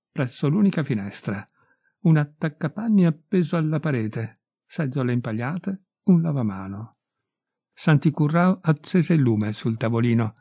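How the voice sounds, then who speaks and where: A man reading a literary short story aloud in a measured, steady narration. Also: medium pitch, vocal fry, slightly rough. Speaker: audiobook reader.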